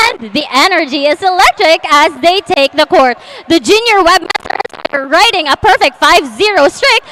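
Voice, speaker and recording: A woman's voice: very high voice, noisy background. A woman hosting a sports broadcast with an upbeat, scripted game introduction.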